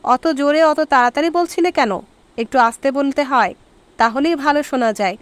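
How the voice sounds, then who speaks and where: A woman's voice: high voice, moderate pace, no room sound, lightly acted. A woman voicing a teasing young wife. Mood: playful. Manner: teasing, coaxing.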